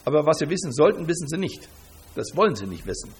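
A man's voice: a little high, sing-song, quick pace, breathy edge. A man preaching a sermon, retelling a scripture story in an emphatic way and asking rhetorical questions.

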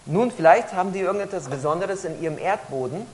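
A woman interpreting a talk phrase by phrase, often pausing and hesitating as she searches for words. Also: lowish voice, lively intonation, darkish tone, poor audio. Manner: frequent hesitations while rendering each phrase. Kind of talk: consecutive interpreting into German.

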